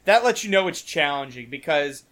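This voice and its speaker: A man's voice: fairly high pitch, expressive, normal speed, a bit bright. A man chatting casually about a film scene, rambling with many restarts and fillers. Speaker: podcast co-host.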